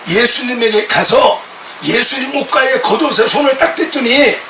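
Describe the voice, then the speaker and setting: A middle-aged male pastor preaching a sermon with passion and often shouting out quoted words, recorded in a church from a distance. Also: very high voice, normal speed, a little hiss or hum. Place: church sanctuary. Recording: echoey church sound from a distant mic.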